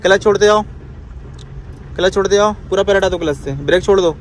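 A man with a high voice gives a driving lesson from inside a car, speaking quickly over slight background noise. As a driving instructor, he talks his student through each step, repeating his commands and tagging lines with "ठीक है".

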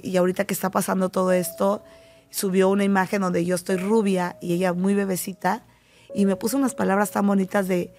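A middle-aged Mexican woman speaks as a talk-show guest, her voice slightly gravelly. She tells personal stories animatedly, slipping into the voices of the people she quotes. Faint music plays underneath. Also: medium pitch, a little mellow. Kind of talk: casual talk show conversation.

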